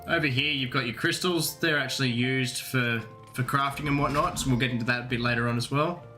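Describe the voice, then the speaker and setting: A man's voice: medium pitch, fairly even intonation, fairly quick, sharp tone, soft background music. A man streaming a game playthrough, talking casually and rambling, often restarting and correcting himself.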